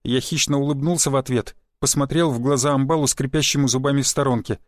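A man's voice: mid-range voice, steady tone, fast talker, no echo. Give me a man with a mid-range voice reading a first-person audiobook, very dry recording. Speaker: audiobook narrator.

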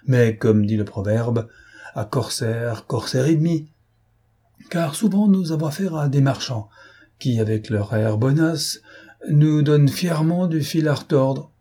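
A man's voice: medium pitch, a little slow, warm tone, slightly rough. A man voicing an older male shipowner, indignant and flustered. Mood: affable.

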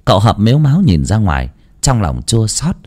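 A man narrating a dramatic story in an expressive, theatrical way. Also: on the low side, brisk.

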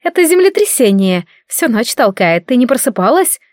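A woman voicing a loud, impatient, commanding queen mother in an audiobook. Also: on the high side, very animated, moderate pace, dry recording, clean studio sound. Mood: reassuring. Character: bossy shrill queen mother, middle-aged.

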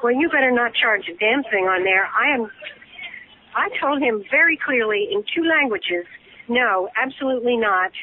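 Irate phone-call woman, highish voice, muffled line with faint hiss, insistent and repetitive. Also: expressive, normal speed. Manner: indignant, insistent, repeats herself. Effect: heard over the phone. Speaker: prank call target. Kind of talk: angry phone argument.

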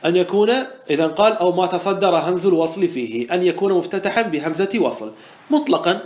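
A man's voice: high voice, fast talker, a little mellow. Man teaching grammar, quizzing himself. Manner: asks questions and answers them himself, repeats examples. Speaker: sheikh teaching Arabic morphology. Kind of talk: classroom lesson explaining verse text.

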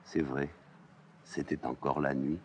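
A man doing a hushed, grave young princess. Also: a bass voice, level tone, unhurried, a little hiss or hum. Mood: gentle. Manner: soft, hushed, subdued. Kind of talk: audiobook reading of a play.

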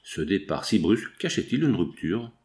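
A man narrating a novel in a measured, expressive reading. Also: low voice. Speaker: audiobook narrator.

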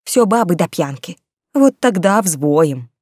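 Brief: fretful, hot-tempered gossip laundress, a woman doing the voice, shrill and loud, dry read. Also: expressive, slow pace, dry recording. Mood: agitated scolding. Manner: loud, scolding, agitated.

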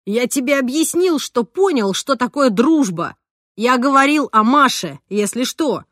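A woman voicing a good-natured teenage boy who speaks low and subdued. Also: lively intonation, a little slow, fairly bright tone, no echo, clean studio sound, full character voice. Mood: defensive.

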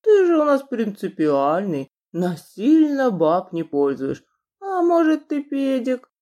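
A woman's voice: fairly high pitch, very animated, slow, dark tone, pitched above the performer's own voice. Woman playing a mocking, crude tattooed thug. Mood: leering. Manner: mocking, leering. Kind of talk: audiobook character reading.

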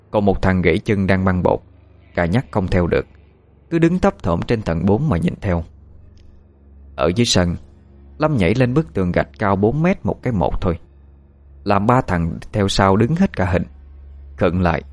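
A man narrating a horror story in a measured storytelling manner. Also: low-pitched, a little mellow, dry recording.

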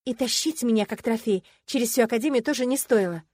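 A woman voicing a feisty young woman student in an audiobook, speaking in loud, indignant exclamations. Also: a little high, fast talker, dry recording, clean studio sound, natural voice.

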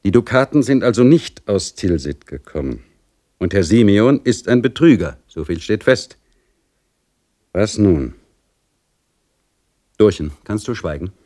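A blustering middle-aged police officer snaps out scolding orders in a brusque manner, as a man reading the story plays him. The voice rests on a deep base but is lifted and louder when he bristles. It comes from a spoken storybook. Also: sing-song, unhurried, pauses often. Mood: conspiring.

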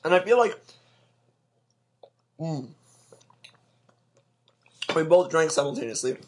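Laid-back young man, husky voice. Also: a little high, animated, slow, darkish tone. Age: young adult. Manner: laid-back, chatty, filler-heavy. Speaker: podcast co-host. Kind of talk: casual chat.

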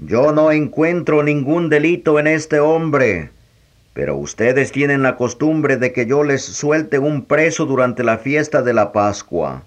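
A man reading the lines of a wary Roman governor, measured and questioning. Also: medium pitch, expressive.

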